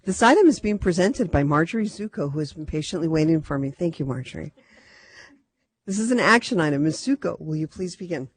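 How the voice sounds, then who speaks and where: A woman chairing a public commission meeting from a table microphone, speaking in formal, measured procedural phrases. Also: low voice, lively intonation, slightly rough.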